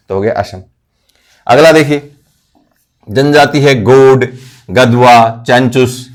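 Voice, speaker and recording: A male coaching teacher explaining memory tricks for exam facts. He keeps asking questions and answering them himself, repeating key words. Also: mid-range voice. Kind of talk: mnemonic lesson for competitive exams.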